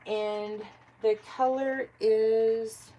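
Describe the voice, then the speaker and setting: A woman's voice: a little high, fairly even intonation, very slow, highs cut off. A woman chatting casually during a live craft stream, congested from allergies, thinking aloud and answering viewers by name. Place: home craft workspace.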